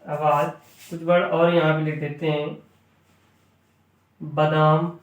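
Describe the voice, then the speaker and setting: A man teaching a spelling lesson, who repeats words slowly and often asks and answers his own questions. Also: on the high side, flat delivery. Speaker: Hindi teacher. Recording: roomy echo, distant mic.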